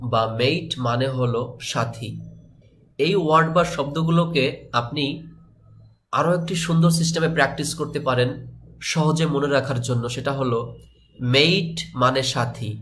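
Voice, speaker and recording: A man's voice: medium pitch, fairly bright tone. A man with a Bangladeshi Bengali accent teaching a vocabulary lesson, repeating each word and its meaning back and forth in a drill, and speaking casually to viewers. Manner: addresses viewers directly and casually. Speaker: English teacher.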